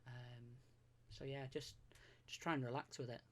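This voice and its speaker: A fairly bright, mid-range male voice at normal speed, with fairly even intonation, belongs to a Greater Manchester man. He's a guest on a streamer's casual podcast. He rambles self-deprecatingly through many fillers and restarts.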